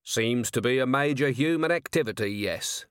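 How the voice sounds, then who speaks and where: A man's voice: medium pitch, expressive, normal speed, clean tone, no room sound, natural voice. A man voicing a wry middle-aged male watch commander with a dry, understated way of talking.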